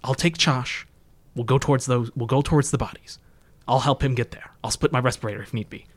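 A man's voice: medium pitch, fairly quick, natural voice. A man playing a nervous, placating expedition member in a tabletop game, pleading and reasoning. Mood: urgent.

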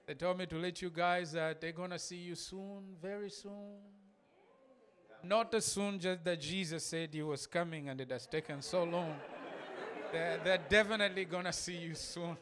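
Man from zambia, church talk, resonant voice, slightly high pitch, casual with laughing asides. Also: fairly bright tone, clear, resonant tone. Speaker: missionary guest speaker. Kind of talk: church talk with slide pictures.

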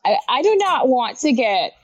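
A woman's voice: sits high, big pitch swings, normal speed, highs cut off. A woman in her thirties from Honduras, a guest artist in a casual interview, talking openly about her life and often laughing. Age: 30s. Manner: open, laughs easily, talks frankly about loss.

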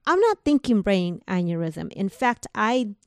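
A woman tells a personal story to a listener, slipping into quoted dialogue as she recounts who said what. Her voice sits at a medium pitch for a woman and is recorded dry and close, with no room sound. She speaks conversationally, with plenty of casual fillers. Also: very animated, measured pace, darkish tone, clean tone, dry recording.

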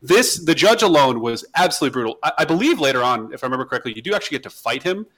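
A man co-hosting a podcast, chatting casually about video games, animated and ranting, often restarting his words. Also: medium pitch, rapid-fire, slightly rough. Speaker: podcast co-host.

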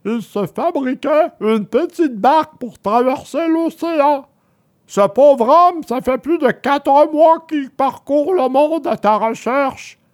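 A woman voicing a big, kindly male pigeon in a storybook reading, calm and reassuring. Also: high voice, slow pace, pitched above the performer's own voice.

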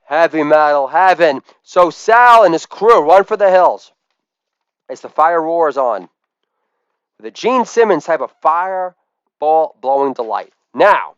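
A man in his forties, a comedian, telling a comic story in a loud monologue with shouted catchphrases. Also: on the high side, animated, a little slow, smooth, no room sound, muffled recording. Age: 40s.

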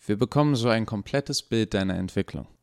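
A man's voice: lowish voice, fairly quick, clear, resonant tone, no echo, studio quality, pitched above the performer's own voice, lightly acted. A man playing an awkward, hesitant doctor. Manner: hesitant, full of ums. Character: awkward, evasive male research doctor.

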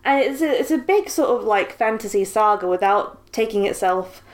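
A woman's voice: medium pitch, animated, moderate pace. A British woman co-hosting a podcast in casual chat, joking and often laughing. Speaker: podcast co-host.

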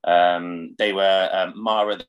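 A man with a very deep voice talks warmly and keenly about films, padding his sentences with 'sort of' and 'like'. His delivery is loose and conversational, searching for words as he goes. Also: flat delivery, takes it slowly, clean tone, dull audio. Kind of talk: casual chat.

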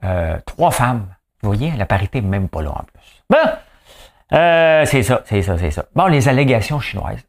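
A man's voice: fairly low pitch, big pitch swings, normal speed, creaky. A man with a Quebec French accent talking to the camera in a rambling, joking, self-mocking way. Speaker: vlogger. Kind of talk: casual solo commentary to camera. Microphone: camera mic.

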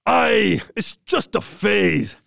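A man's voice: high-pitched, big pitch swings, drawn-out words, vocal fry, fairly bright tone, full character voice. A man voicing a child who talks in a put-on pirate voice. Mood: jolly. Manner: growly pirate talk.

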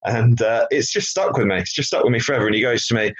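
A man's voice: medium pitch, fast talker, husky, no echo. A man hosting a podcast, telling stories in a rambling, casual way and often correcting himself mid-sentence. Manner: rambling, self-correcting storytelling. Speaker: podcast host. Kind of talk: casual interview chat. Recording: slightly dull, dry lo-fi sound.

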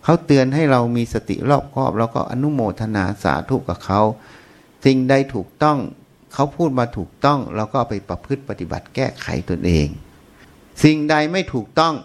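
Man, Buddhist monk, Dharma talk, patient explaining, asks and answers questions, mid-pitched voice. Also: lively intonation, normal speed.

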